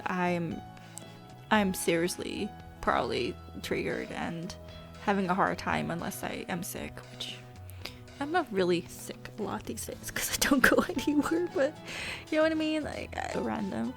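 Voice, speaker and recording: A woman talking straight to her viewers in a loose, confessional vlog, blunt and quick to swear. Her mid-pitched voice carries a lot of vocal fry, and faint music plays underneath. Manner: candid, venting, swears freely. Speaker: gaming vlogger. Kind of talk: casual confessional vlog chat.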